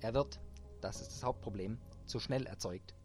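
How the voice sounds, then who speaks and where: A man's voice: fairly low pitch, moderate pace, darkish tone, slightly rough, soft background music. A man voicing a small, frightened male shopkeeper who stammers and pleads in a servile way. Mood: bitter.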